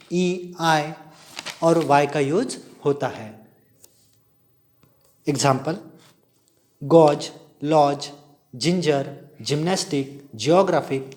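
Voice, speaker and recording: A male polytechnic English lecturer with an Indian accent. He reads spelling rules out slowly in English and then explains them quickly in Hindi. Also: a little high, a little mellow. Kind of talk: recorded classroom lecture.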